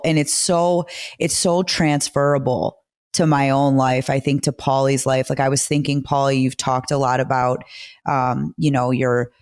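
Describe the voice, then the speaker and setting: A woman's voice: very deep voice, darkish tone. A woman co-hosting a podcast in casual, heartfelt chat, effusive and emphatic, often repeating her phrases. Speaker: podcast co-host.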